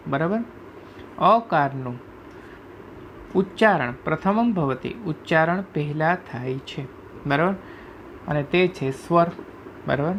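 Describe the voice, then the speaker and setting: A man teaching a class, explaining sounds slowly, reciting letters one by one and often asking if students follow. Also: a little high, a bit bright, a little hiss or hum. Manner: repeatedly checks understanding with "right?". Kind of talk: classroom lecture explaining Sanskrit phonetics.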